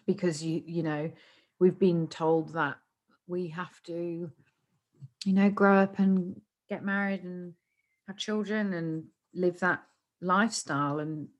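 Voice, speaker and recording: A woman's voice: fairly low pitch, fairly even intonation, takes it slowly, muffled recording. A young woman co-hosting a podcast, chatting openly and emotionally, laughing often. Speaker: podcast co-host. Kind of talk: casual chat.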